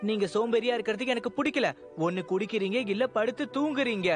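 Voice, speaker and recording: A woman's voice: fairly high pitch, fast talker, close to an everyday voice. Woman voicing a stubborn, defiant young boy. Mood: resentful. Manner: pleading, then sulky and accusing. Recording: music playing behind.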